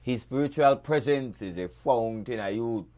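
A man with a Belizean accent reciting dub poetry in a rhythmic, rhyming delivery with sharp swings in loudness. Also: mid-range voice, normal speed. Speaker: dub poet.

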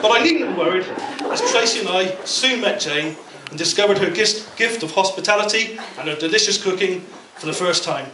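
A middle-aged man gives a prepared, humorous best man speech in an indoor function room at a wedding reception, his voice high-pitched and animated as he tells anecdotes with measured pauses. He speaks into a handheld mic through a PA speaker, filmed from across the room. The recording is distant, echoey and very noisy, with loud room noise and guests.

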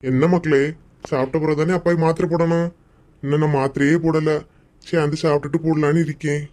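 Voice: medium pitch, fairly quick, lightly acted. An actor voicing a stern middle-aged father with a Kanyakumari Tamil accent, scolding his daughters in a cartoon comedy. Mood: gentle coaxing. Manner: scolding, threatening, then gently coaxing.

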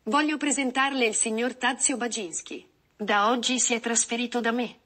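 An earnest, anxious male prosecutor, read aloud by a woman. The voice is serious and a little hesitant, pitched fairly high for the part. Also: normal speed, a bit bright.

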